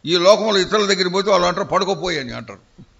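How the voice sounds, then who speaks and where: A man preaching a sermon, telling the story in an animated way, acting out voices and putting questions to the congregation. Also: high voice, fast talker, gravelly, lo-fi sound.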